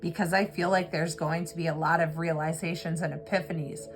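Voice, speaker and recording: A woman giving an earnest, reflective tarot reading, pausing often with fillers, over a music bed. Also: deep voice, fairly even intonation. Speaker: tarot reader. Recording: clear music bed behind voice. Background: background music.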